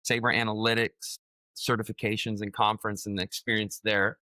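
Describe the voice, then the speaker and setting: Bright-voiced male podcast host. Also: on the low side, flat delivery, no room sound. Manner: sums up the guest's points, then asks long, halting questions. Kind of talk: casual podcast interview.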